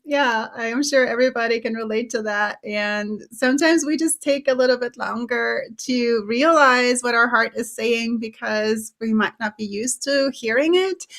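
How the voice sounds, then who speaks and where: A woman's voice: fairly high pitch, fairly bright tone. Bubbly woman. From Switzerland. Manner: bubbly, laughs often, uses many fillers. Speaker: author and guest. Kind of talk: casual live interview.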